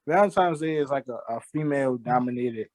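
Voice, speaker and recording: A man's voice: mid-range voice, a little fast, darkish tone. A man co-hosting a podcast, rambling and joking with lots of fillers. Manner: rambling, jokey, many fillers like "you know what I'm saying". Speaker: podcast co-host. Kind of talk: casual chat.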